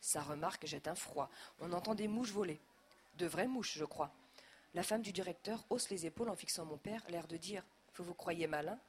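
A woman narrating a children's audiobook in a lively, expressive voice. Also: on the low side, normal speed.

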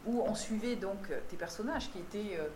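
A woman's voice: mid-range voice, brisk. Hesitant woman interviewer, roomy sound. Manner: hesitant, many fillers and restarts. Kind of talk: casual interview talk. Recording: roomy with clear background noise.

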